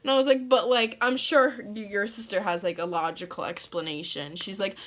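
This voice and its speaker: A young woman from the northeastern US rambling through a story in a casual vlog, full of "like" and quick laughs. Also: mid-range voice, fairly even intonation, a bit bright. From northeastern United States. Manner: rambling, lots of "like", laughs mid-sentence. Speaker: vlogger.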